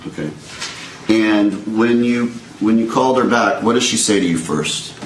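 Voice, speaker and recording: A man questioning a witness in court, asking measured, leading questions. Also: on the low side, soft background music. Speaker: attorney. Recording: echoey courtroom audio from a distant mic.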